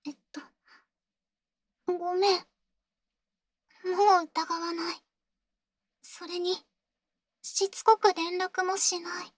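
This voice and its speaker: A woman playing an insecure young girlfriend in an ASMR role-play, halting and pleading, with a sweet, eerily obsessive manner. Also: very high-pitched, little pitch movement, no room sound. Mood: desperate pleading. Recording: close, dry ASMR audio.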